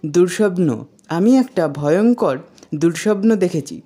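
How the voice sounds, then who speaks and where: A cranky, bossy old uncle who bursts into alarmed scolding, as a woman reads his lines in a retold TV serial. The voice sits low and mellow, with no edge. His lines come in agitated bursts. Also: lively intonation, measured pace.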